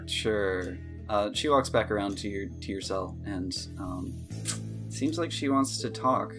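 A man narrating as game master in a relaxed, filler-heavy way. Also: lowish voice, measured pace, over music.

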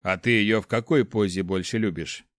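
A man's voice: fairly low pitch, moderate pace, dry recording, clean studio sound, lightly acted. A man voicing a wry, persuasive male cleric in a storybook reading. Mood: coaxing.

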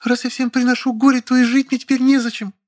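A man reading an audiobook, voicing a theatrical, manipulative woman who pleads and complains in a shrill, melodramatic way. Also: level tone, fast talker. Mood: dramatic. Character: theatrical manipulative woman, self-pitying and demanding. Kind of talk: audiobook character voice.

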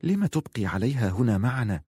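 A man voicing a tender young woman, a lord's lover, speaking in a hushed, affectionate way. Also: fairly low pitch, animated, normal speed, breathy edge, dry recording, studio quality.

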